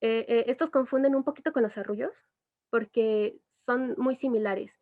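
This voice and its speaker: A woman's voice: a little high, normal speed. A woman, an educational psychologist, giving a patient explanatory talk full of little asides. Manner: patient, explains with asides and imitated baby sounds. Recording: tinny phone-like audio.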